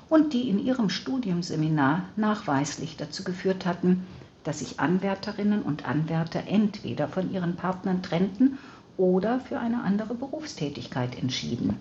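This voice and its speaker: A woman narrating an audiobook in an even, measured reading voice, on slightly dull audio. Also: on the low side, a little hiss or hum. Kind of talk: scripted narration.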